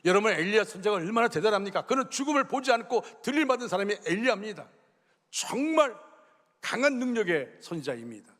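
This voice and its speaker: A middle-aged man preaching a sermon as senior pastor, telling a personal story with emotion, dropping to a hush and then rising fervently. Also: high-pitched, sing-song, quick pace. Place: church sanctuary. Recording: long reverb of a church hall.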